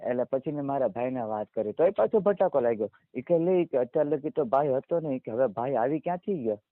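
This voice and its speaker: A man retells past arguments over the phone, acting out each line he quotes. He speaks quickly at a middle pitch. The sound is dry and tinny, as on a phone line. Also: lively intonation, no room sound. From Gujarat, India. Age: 30s. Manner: retells arguments in long runs of quoted speech. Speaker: marriage candidate. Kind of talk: phone interview.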